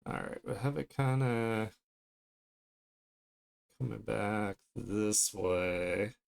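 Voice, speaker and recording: A streamer and illustrator chats casually on a livestream while drawing, thinking out loud in a playful, self-deprecating way. His voice sits on the low side and sounds creaky but clean, and he speaks very slowly.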